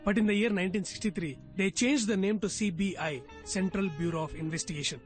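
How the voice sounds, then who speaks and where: A man's voice: high-pitched, slow. A man dubbing a film role as an eager, talkative young job seeker who gives long, rehearsed answers. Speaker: job candidate in a film scene. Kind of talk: dubbed film dialogue. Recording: dub with background music.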